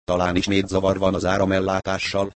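A cruel man in charge grumbles out commands in a cold, clipped way, as a narrator puts him on. The voice sits deep and low, and it is recorded dry and close. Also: monotone, no room sound, lightly acted. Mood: grumbling.

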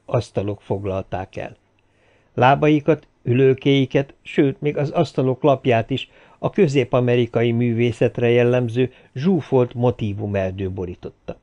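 A man reading an audiobook aloud in a steady, expressive storytelling manner. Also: mid-range voice. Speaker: audiobook narrator. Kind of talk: audiobook narration. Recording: slightly dull lo-fi audio.

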